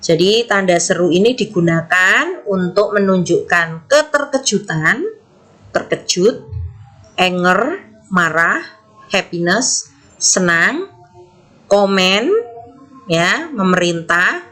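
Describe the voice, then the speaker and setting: Slow, patient Indonesian woman teacher. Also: fairly low pitch, expressive, sharp tone, low-quality recording. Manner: slow, patient explaining, reads English examples aloud carefully. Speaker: primary school English teacher. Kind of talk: classroom lesson explaining English to children.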